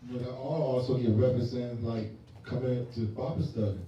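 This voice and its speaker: A man's voice: mid-range voice, steady tone, fairly quick, mellow, a little hiss or hum. A man from the class speaking up casually with plain everyday phrasing. He sounds far off and dull, with a strong echo. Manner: casual, informal speech. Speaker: class member. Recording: dull, echoey, far from the mic.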